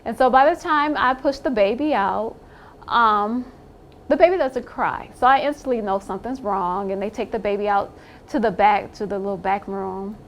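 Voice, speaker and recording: A woman's voice: medium pitch, normal speed, slight background noise. A woman in an interview giving a candid personal account, blunt and emphatic, swearing now and then and laughing wryly.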